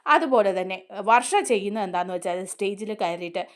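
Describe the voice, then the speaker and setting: A woman's voice: medium pitch, animated, brisk. A woman hosting a serial review, casually retelling the scenes in a chatty way and often turning to the listener. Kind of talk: casual storytelling recap of a TV serial.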